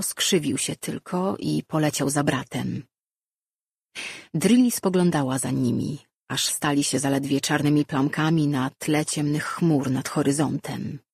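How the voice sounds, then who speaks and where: A man reads a fantasy story aloud in a calm, steady way. His voice is husky, sits at a middle pitch, and sounds dry and close to the mic. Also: dry recording. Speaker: audiobook narrator. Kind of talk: scripted fantasy narration.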